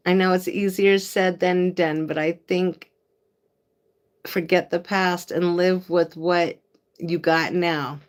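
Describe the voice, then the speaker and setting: A woman's voice: lowish voice, takes it slowly, pauses often. An older woman hosting a casual live stream, laughing often and chatting with her dog and viewers. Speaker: livestream host.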